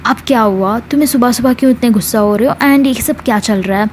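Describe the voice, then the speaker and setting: A stubborn young woman who bristles easily and answers back with defiance, as a woman storyteller puts her on. She speaks in a fairly high voice with faint noise behind her. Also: fast, natural voice. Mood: defiant. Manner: irritated and defiant.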